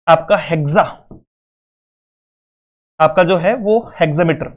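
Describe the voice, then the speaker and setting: A man teaching an exam-prep literature lesson, mixing Hindi and English and repeating his points through rhetorical questions. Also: high voice.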